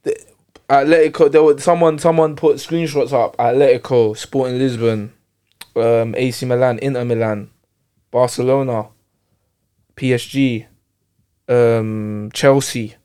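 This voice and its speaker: A man's voice: mid-range voice, steady tone, measured pace, long pauses, mellow, clean tone. A man with an urban London roadman accent in a casual football debate, repeating and restarting his points with street slang. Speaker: football show panellist.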